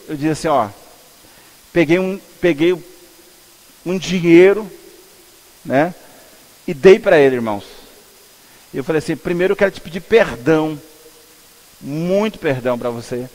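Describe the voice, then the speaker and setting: Animated Brazilian pastor in reverberant church. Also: male voice, fairly high pitch. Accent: Brazilian Portuguese. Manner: conversational, animated storytelling with asides to the congregation. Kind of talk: storytelling sermon. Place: church sanctuary. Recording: long church hall reverb.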